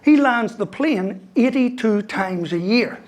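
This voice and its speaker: A man's voice: high voice, animated, takes it slowly, background noise. A man giving a humorous motivational talk as a university lecturer, asking "right?" after most points. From Ireland. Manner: joking, ends lines with "right?".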